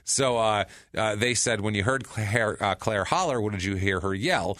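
A man's voice: lowish voice, moderate pace, a bit bright, no echo, clean studio sound. Profane, joking male podcast storyteller. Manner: profane, joking, reads out testimony. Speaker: podcast co-host telling a true-crime story. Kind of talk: casual storytelling chat.

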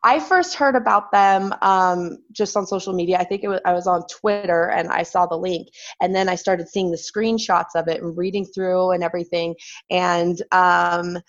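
A woman whose voice is hoarse and raspy from bronchitis talks as a guest in a loose, irreverent chat. She laughs easily between points, and the recording sounds dull and lo-fi. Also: fairly low pitch, steady tone, moderate pace. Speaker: guest, philosopher. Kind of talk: casual conversation. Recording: dull lo-fi audio.

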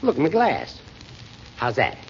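A man playing a gruff, bossy judge in a 1940s radio comedy, needling his friend. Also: mid-range voice, wildly swooping pitch, unhurried, lo-fi sound. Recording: hissy 1940s radio recording.

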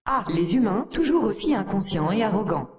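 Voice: mid-range voice, very animated, brisk, echoey room, lightly acted. [name], someone voicing a scornful AI. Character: sardonic female AI, blunt and scornful of humans.

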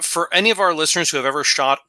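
A man's voice: a little high, racing, pushed and bright, no room sound. A man from New York co-hosting a podcast, talking with enthusiasm and rambling through restarts. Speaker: podcast co-host. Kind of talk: casual podcast chat.

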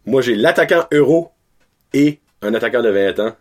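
Animated man talking hockey. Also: medium pitch, normal speed. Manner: lively, mixes English words into French. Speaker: podcast co-host. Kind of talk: casual hockey chat.

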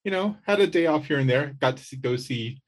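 A man's voice: on the high side, lively intonation, a little fast. A man speaking as a sports beat writer in casual podcast chat, conversational and wry.

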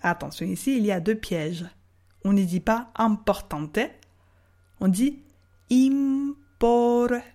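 A woman teaching Spanish on a podcast lesson, speaking slowly and drawing out model words for the listener to repeat. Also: mid-range voice, animated, darkish tone. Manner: slow, carefully spelled-out model words for repeating.

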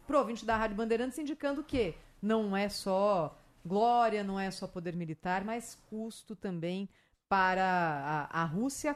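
A woman with a Brazilian accent presenting live radio news as host, stressing and stretching key words. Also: medium pitch.

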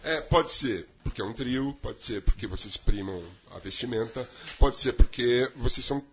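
A man's voice: mid-range voice, moderate pace. A man hosting a radio interview, teasing and playful with his guests. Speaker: radio host interviewing a band. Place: radio studio.

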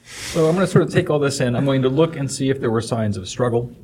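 A man's voice: medium pitch, fast talker, a little mellow, slight background noise. A man talking through his move at a tabletop game. He thinks aloud and hedges with small fillers. A light wash of room ambience sits behind him. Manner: thoughtful, hedging with fillers. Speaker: player. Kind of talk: tabletop play.

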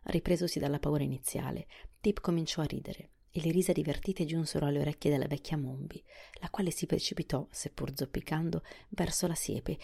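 A woman narrating a storybook in a soft, often hushed reading voice. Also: deep voice, vocal fry, slightly rough. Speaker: audiobook narrator.

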